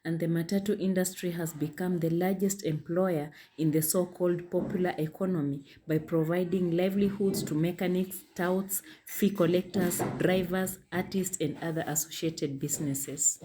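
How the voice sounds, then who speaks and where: A woman reading a scripted narration in a measured, formal way. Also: fairly low pitch, warm tone, a little hiss or hum. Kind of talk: scripted narration, read aloud.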